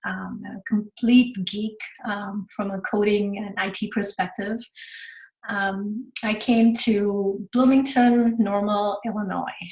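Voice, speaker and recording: A woman's voice: medium pitch, roomy sound, rough recording. A woman in her thirties from India, hosting a casual webinar from her home study in a chatty way with frequent ums. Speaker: webinar host, photographer.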